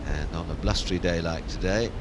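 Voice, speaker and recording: A man giving golf commentary on a televised match, wryly savouring each shot with colourful phrasing. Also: a little fast. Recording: very noisy outdoor broadcast, wind and traffic-like rumble. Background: outdoor golf course ambience.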